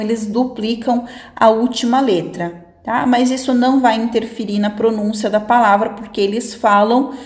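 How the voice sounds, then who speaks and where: A woman's voice: fairly high pitch, a little mellow, echoey room. A woman English teacher patiently explaining grammar rules in a lesson, often checking in with her listeners.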